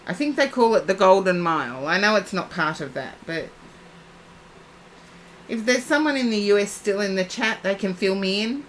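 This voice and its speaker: A woman's voice: mid-range voice, expressive, moderate pace, slight background noise, low-quality recording. A woman giving psychic readings on a live stream, chatting and addressing viewers by name. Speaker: psychic reader.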